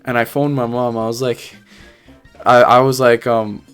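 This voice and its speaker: A man's voice: medium pitch, unhurried, faint music behind. Slangy young man telling a story. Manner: animated, slangy, laughs often. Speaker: vlogger. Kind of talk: casual storytelling.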